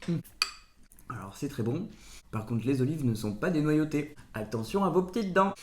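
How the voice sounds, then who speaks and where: A man's voice: fairly high pitch, expressive, normal speed. A man hosting a casual food-tasting vlog at home, playful and punning, with mock-solemn verdicts. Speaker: food reviewer. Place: home, at the table. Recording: roomy echo.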